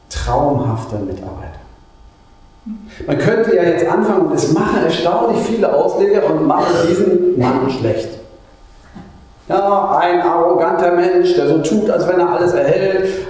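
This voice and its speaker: A man's voice: on the high side, unhurried. Man preaching in a very echoey church. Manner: lively, conversational, with asides and little jokes. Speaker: pastor. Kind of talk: sermon.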